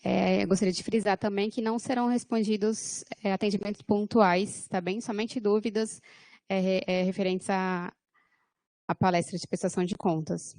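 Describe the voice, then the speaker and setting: A woman's voice: medium pitch, flat delivery, normal speed, mellow, no room sound. A woman from Brazil moderating an online workshop, politely reading out questions from the audience. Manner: polite, formal, ends with "tá bem?". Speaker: webinar moderator.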